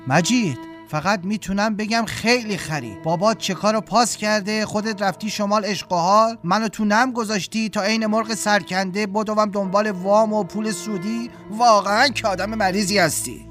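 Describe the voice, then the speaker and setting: Narrator guy doing a snappy rude friend, kinda higher voice, curt. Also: animated, hardly any pauses, fairly bright tone, faint music behind. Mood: scornful. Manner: brusque, insulting. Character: blunt irritated male friend and business partner.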